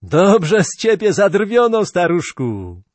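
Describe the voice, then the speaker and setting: A man's voice: a little high, big pitch swings, slow pace, dry recording, full character voice. A man voicing a ragged, lame fiddler and former robber who earnestly confesses his past, in a storybook reading. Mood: confessing. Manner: plain-spoken, earnest confession.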